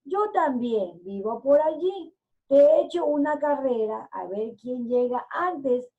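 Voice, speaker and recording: A woman's voice: high voice, animated, slow pace, narrow, tinny audio, full character voice. A woman doing a sly big bad storybook wolf, sugary. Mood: coaxing. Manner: coaxing, sugary voice put on to fool.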